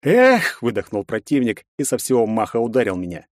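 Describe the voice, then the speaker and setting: A man narrating a first-person fantasy audiobook in a measured storytelling manner. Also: fairly low pitch, mellow, no echo, studio quality.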